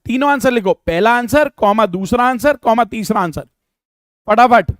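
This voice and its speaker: A man teaching a live online math class, drilling sums aloud, urging students to go fast, and answering their chat questions. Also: very high voice, a bit bright, dry recording, clean studio sound. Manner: brisk, drills sums aloud and urges speed.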